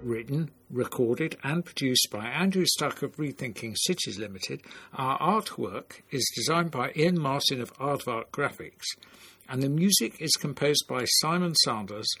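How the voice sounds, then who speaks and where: A man hosting a podcast, reading a measured, formal closing announcement. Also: mid-range voice, lively intonation, pushed and bright, slightly rough, no echo. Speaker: podcast host. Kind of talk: scripted outro narration.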